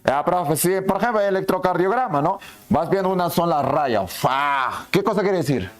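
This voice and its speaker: Male anatomy prof, lively lecture, slightly high voice with big pitch swings, plays both teacher and student. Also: brisk. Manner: asks and answers his own questions, plays the students' lines too.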